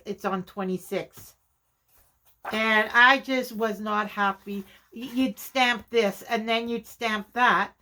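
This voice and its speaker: A woman vlogger chatting casually while demonstrating her journaling supplies, chatty and quick to laugh at herself. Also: medium pitch, bright, forceful tone. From Canada. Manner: chatty, self-deprecating, exclaims often. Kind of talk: casual craft vlog demonstration.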